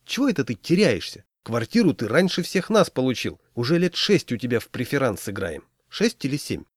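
A man voicing a brisk, chatty friend in a humorous story. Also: mid-range voice, sing-song, slightly rough, no room sound, studio quality.

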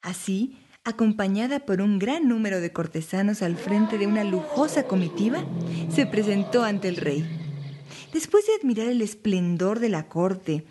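A woman narrating Bible stories for families in a clear, even storybook reading. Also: mid-range voice, moderate pace, a little hiss or hum.

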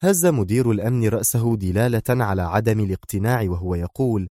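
A male narrator with a low, mellow voice reads a thriller aloud in a steady, measured way. The recording is dry and close to the mic. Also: dry recording. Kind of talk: scripted audiobook narration.

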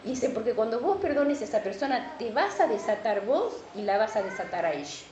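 A middle-aged woman pastor with a Rioplatense Spanish accent preaches a sermon and shares a personal testimony. Her voice is fairly high, sing-song and fairly quick, and she repeats words and says amen often. The recording is dull and lo-fi, with an echoey hall and background noise.

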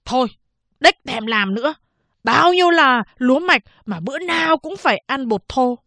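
A woman's voice: high-pitched, animated, moderate pace, bright, forceful tone, no room sound, voice pushed up, heavily acted. A woman voicing a lazy, foul-mouthed peasant husband who barks orders in a spoken story. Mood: angry barking. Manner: rude barking.

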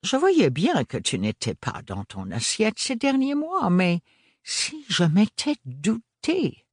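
A man voicing an excitable, eccentric male scholar and father who exclaims and slips English words into his speech. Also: sits high, takes it slowly, dry recording, clean studio sound, pitched above the performer's own voice, full character voice. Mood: astonished.

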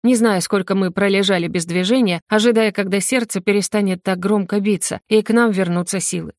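A woman's voice: mid-range voice, a little fast, a little mellow, no echo. Brief: woman in her mid range reading a romance audiobook, intimate and confessional, dry booth sound. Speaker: audiobook narrator. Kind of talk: scripted first-person narration.

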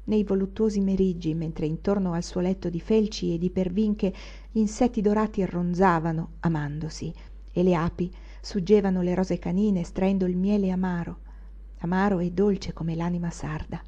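A woman narrating a literary audiobook in a measured, expressive reading. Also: on the low side, dull audio. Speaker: audiobook reader.

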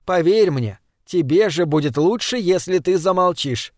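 A pious lady, voiced by a man soothes in a low, soft, hushed voice with a false gentleness. Dry, close sound. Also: lively intonation, normal speed, no echo, natural voice. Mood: soothing.

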